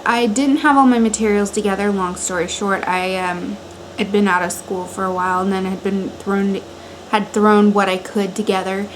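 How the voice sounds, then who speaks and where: A woman's voice: mid-range voice, poor audio. A woman in her twenties with an American accent gives a casual, chatty how-to talk in the informal style of a personal vlog, recorded in a bedroom. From Montana, United States. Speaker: vlogger. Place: bedroom at home. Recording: steady fan noise in background. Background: electric fan running.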